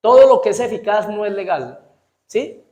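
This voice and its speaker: A man preaching a sermon as pastor, animated, firing rhetorical questions at the congregation and tripping over his words as he speeds along. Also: high-pitched. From Colombia. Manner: fast-talking, trips over his words. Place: church. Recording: echoey church hall.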